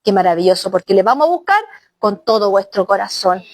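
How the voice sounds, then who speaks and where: A woman's voice: mid-range voice, lively intonation, a little fast. A woman pastor preaching a sermon, often exclaiming and speaking straight to the congregation as brother and sister. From Chile.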